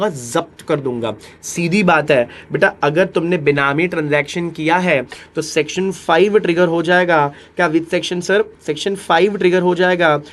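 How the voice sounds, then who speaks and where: A man teaching an exam-prep law lecture, talking animatedly, repeating key phrases and speaking directly to his students. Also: fairly high pitch.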